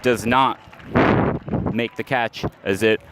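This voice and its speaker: At an outdoor ballpark, a male radio announcer calls a baseball game live in clipped bursts as each play unfolds. His voice sits at a medium pitch with a fairly even intonation, and he speaks slowly through heavy background noise.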